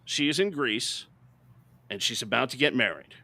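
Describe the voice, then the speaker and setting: Bright, animated man ranting about films. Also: mid-range voice, normal speed. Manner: emphatic, ranting, seeks agreement with "right?". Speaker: podcast co-host. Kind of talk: opinionated movie review chat.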